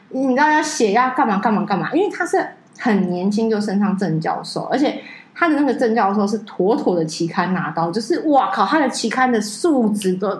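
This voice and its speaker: Podcast co-host: a woman, a lively high storyteller who laughs often, recorded in an echoey room. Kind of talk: casual chat.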